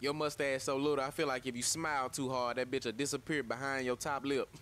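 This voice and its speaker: A man voicing an exasperated, mocking fish fast-food cashier in a comic cartoon parody, brash and insulting. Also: medium pitch, level tone, a bit bright, a little hiss or hum, lightly acted.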